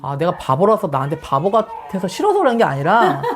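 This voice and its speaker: Male pastor, easygoing storyteller, lively intonation. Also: high-pitched, a little fast, a loud crowd. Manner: animated storytelling with frequent fillers. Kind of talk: casual chat.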